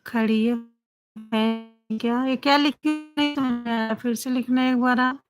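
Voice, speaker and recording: A woman chats casually with viewers on a phone livestream, greeting each one by name. Her voice sits slightly high. She keeps the talk going with repeated little affirmations. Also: fairly even intonation, moderate pace, music in the background. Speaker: livestream host. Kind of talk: casual chat with live viewers.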